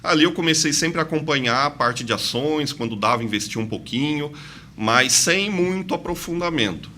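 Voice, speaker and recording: With slight noise in the background, an expressive man speaks at normal speed in a fairly high, bright, forceful voice. He's 46, an investment advisor from São Paulo's interior with a mixed São Paulo and Santa Catarina accent, recounting his life as a guest on a conversational podcast.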